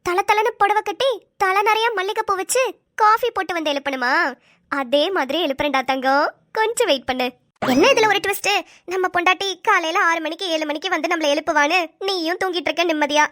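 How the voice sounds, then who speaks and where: A woman's voice: very high voice, a little fast, a bit bright. A woman voicing a sly scheming cartoon wife. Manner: sly, sugary mock-sweet talk. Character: mischievous young wife plotting revenge.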